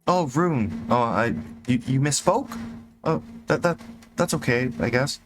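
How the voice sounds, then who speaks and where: A man voicing an eager female cook who gushes with excitement. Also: mid-range voice, measured pace, music in the background, pitched above the performer's own voice, natural voice. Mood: friendly. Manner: bubbly, gushing.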